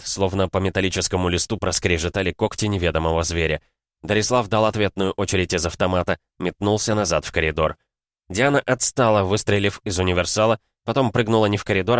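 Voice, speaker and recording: A male audiobook narrator with a lowish voice. His reading is steady and measured. The recording is dry, with the mic close. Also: no room sound. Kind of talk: audiobook narration of science fiction. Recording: dry close studio sound.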